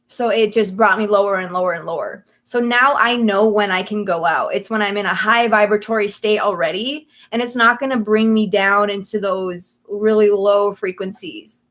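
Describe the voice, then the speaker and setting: A woman's voice: mid-range voice, fairly bright tone. A woman in her thirties hosting a casual livestream chat, chatty and rambling, laughing often between thoughts. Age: 30s. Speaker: livestream host.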